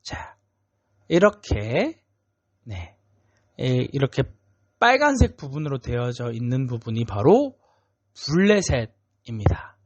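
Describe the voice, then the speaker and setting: A man's voice: medium pitch, slow, pauses often, muffled recording. A man preaching a children's sermon in a church, telling the story in a playful, chatty way. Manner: animated, playful, chatty with kids, frequent 'ne'. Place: church worship room.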